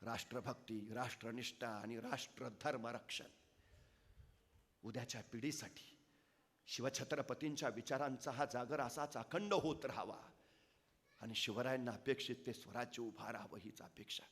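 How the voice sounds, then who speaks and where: A man's voice: mid-range voice, steady tone, moderate pace, fairly bright tone, in a large hall. A man giving an impassioned public speech full of dramatic storytelling. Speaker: public speaker. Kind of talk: oration.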